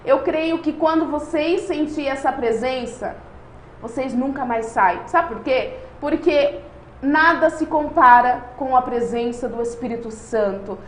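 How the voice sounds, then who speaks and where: A woman's voice: sits high, measured pace. A woman with a Brazilian accent hosting a live online show, speaking fervently and reading out viewer comments. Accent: Brazilian Portuguese. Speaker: host. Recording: echoey room with faint noise.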